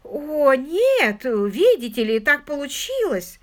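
A woman voicing a prim, excitable older spinster who talks in a fussy, insistent rush in an audiobook. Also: sits high, takes it slowly, pitched above the performer's own voice, full character voice. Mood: eager, alarmed.

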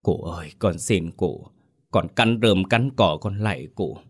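A man's voice: deep voice, measured pace, breathy edge. A man doing a starving old woman begging. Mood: pleading. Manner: faint, pleading, whimpering.

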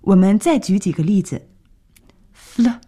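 A woman presenting a scripted radio language lesson, clearly explaining and translating each phrase. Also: mid-range voice, expressive, fairly quick, dark tone. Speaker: radio English teacher.

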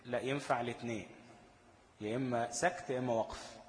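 A man with an Egyptian accent teaching Quran recitation rules. He quizzes his students, answers his own questions, and slows down to chant the quoted verses and poem. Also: medium pitch, fairly even intonation. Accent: Egyptian Arabic. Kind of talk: tajweed lesson. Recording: echoey room with long reverb.

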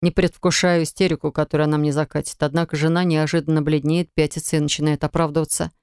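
Smooth, even-toned woman narrator. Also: sits low, fast talker, dry recording, clean studio sound. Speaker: audiobook narrator. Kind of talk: first-person audiobook narration.

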